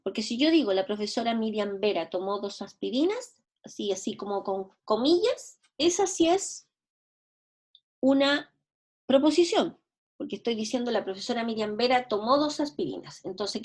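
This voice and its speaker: Explanatory woman teacher, slightly high voice. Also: darkish tone. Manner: explanatory, repeats and rephrases, checks understanding. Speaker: logic teacher. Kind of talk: recorded lecture.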